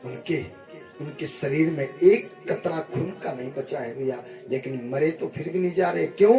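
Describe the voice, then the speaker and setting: A man's voice: a little high, normal speed, mellow. A male devotional preacher telling a scripture story in a dramatic, emphatic sermon and calling on listeners to chant. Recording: echoey room with music behind.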